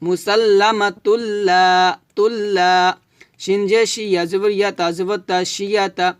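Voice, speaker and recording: Man teaching recitation syllable by syllable; high, clear voice, dry close sound. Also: flat delivery, dry recording. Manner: spells syllables slowly, then recites drawn-out Arabic. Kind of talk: spelling out Arabic recitation lesson.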